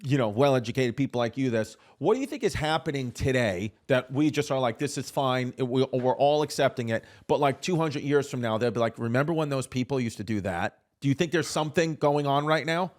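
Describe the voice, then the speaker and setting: A man's voice: medium pitch, expressive, brisk, hardly any pauses. A man hosting a casual podcast, rambling and repeating himself as he talks. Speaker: podcast host. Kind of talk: casual conversation.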